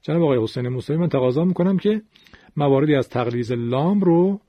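Husky-voiced man teaching recitation. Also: fairly high pitch, animated, dry recording. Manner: patient explaining, demonstrating pronunciation aloud. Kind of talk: classroom-style lecture. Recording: dull lo-fi recording.

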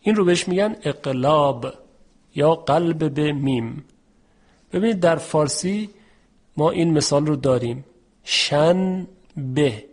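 Male tajweed teacher, fairly high voice, patient, slows right down on example words. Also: expressive, darkish tone, husky. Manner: explains patiently, stretches out example words slowly. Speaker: Quran recitation teacher. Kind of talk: tajweed lesson.

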